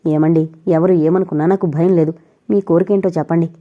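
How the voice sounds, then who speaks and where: A woman's voice: on the low side, fairly even intonation, a little fast, narrow, tinny audio, natural voice. A woman voicing a young married woman who pleads and weeps over her dying lover, in a storybook reading. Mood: tearful. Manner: tearful, pleading.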